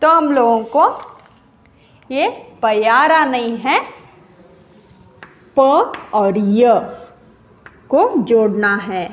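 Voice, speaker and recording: A woman's voice: a little high, very slow, long pauses, a little hiss or hum. A woman teacher giving a grade-school grammar lesson, spelling words out syllable by syllable and repeating each one drawn out.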